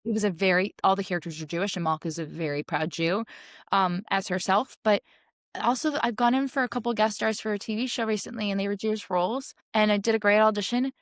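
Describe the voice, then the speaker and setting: A young adult woman actor talking in a casual interview, animated and full of fillers. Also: mid-range voice, no room sound, clean studio sound. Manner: fast, animated, lots of fillers. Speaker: guest, actor.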